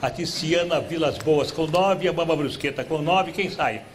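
Um homem brasileiro apresentando um programa de auditório ao vivo, lendo pistas devagar e provocando as participantes. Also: male voice, a little high, a crowd in the background. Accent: Brazilian Portuguese. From Brazil. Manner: reads clues slowly, teasing contestants. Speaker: game show host. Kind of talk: live TV game show hosting. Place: TV studio with live audience. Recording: clear background noise from a TV studio.

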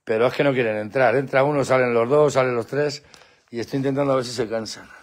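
A man hosting a casual live stream with his dogs outdoors at night, talking into a handheld phone and calling to the dogs in a playful, coaxing way. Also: quick pace. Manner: coaxing, playful, breaks into high excited calls to the dogs. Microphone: phone held in hand.

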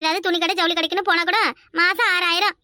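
A woman's voice: very high voice, fairly even intonation, fast, bright, forceful tone, no room sound, studio quality. A woman voicing a scolding, complaining older sister and housewife in a cartoon, with a Kanyakumari Tamil accent.

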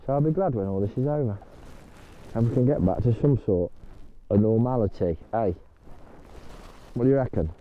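Speaking at normal speed in a mid-range voice with long pauses, an older man vlogs casually while kayaking on a canal, every so often talking to his dog. The recording is muffled.

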